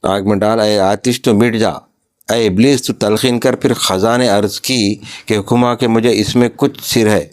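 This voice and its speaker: A man's voice: on the low side, fairly even intonation. A man with a Pakistani Urdu accent, reading a religious story aloud and stopping to explain each passage in plain words.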